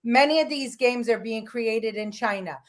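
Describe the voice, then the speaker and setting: Woman host, political talk chat, emphatic, opinionated, fairly high voice. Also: normal speed. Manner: emphatic, opinionated, many restarts. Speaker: podcast host.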